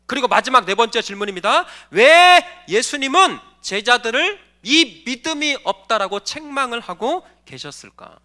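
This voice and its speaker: A man's voice: very high voice, expressive, moderate pace, few pauses, pushed and bright. A male pastor giving a sermon, posing questions to the congregation and answering them, and calling for the next slide. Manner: directs the slide operator between points.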